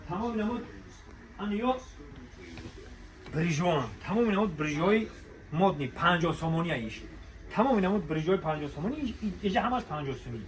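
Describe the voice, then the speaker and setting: A high, animated male voice with a Tajik accent pushes clothing deals with repetitive, bazaar-style calls to come, look and buy, broken by long pauses. The spontaneous walk-through patter takes place inside a large clothing shop, captured in poor audio amid busy crowd noise.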